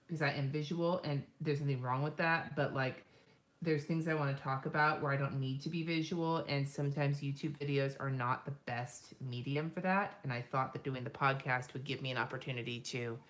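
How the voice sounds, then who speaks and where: A woman hosting a live stream, chatting casually and rambling while she draws, swearing freely and laughing often. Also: a bass voice. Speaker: lettering artist and live-stream host.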